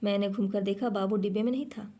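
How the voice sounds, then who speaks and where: A woman reading a short story aloud in a measured, steady way. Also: mid-range voice.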